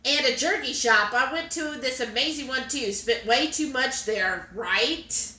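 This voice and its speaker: Chatty woman, bright voice. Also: high-pitched, a little slow, far from the mic. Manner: chatty, reads viewer comments aloud. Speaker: live stream co-host. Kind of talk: casual live-stream chat. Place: home kitchen. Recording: echoey room.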